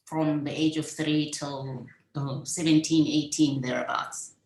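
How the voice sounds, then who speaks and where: A middle-aged woman from South Africa and Botswana with a low voice, telling her story as an interview guest. She speaks in a measured way and pauses often to gather her thoughts. Her video-call audio sounds roomy and echoey. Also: steady tone, darkish tone. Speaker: guest, supply chain specialist. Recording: echoey room.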